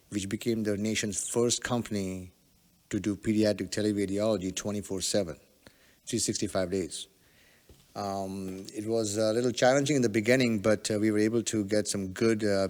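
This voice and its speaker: Low, smooth-voiced man with long reverb. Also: a little mellow. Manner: hesitant, many fillers. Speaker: podcast guest, telemedicine entrepreneur. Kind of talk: relaxed conversational storytelling.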